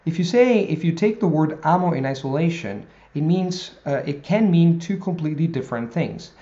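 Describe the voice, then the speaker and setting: A language teacher whose first language is Italian gives vocabulary tips in a video lesson, speaking straight to camera. His voice is on the high side, animated yet dark in tone, and he explains in a measured way with pauses; the highs are cut off.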